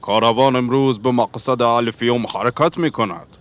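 A man's voice: mid-range voice, steady tone, natural voice. A man voicing a fat, blunt warehouse owner who scoffs, in an audiobook.

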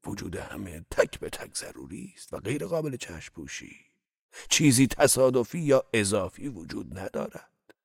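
A man voicing a tall, thin wandering dervish who gently teaches a wounded man in a storybook reading. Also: on the low side, sing-song, creaky, breathy edge, heavily acted. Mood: earnest.

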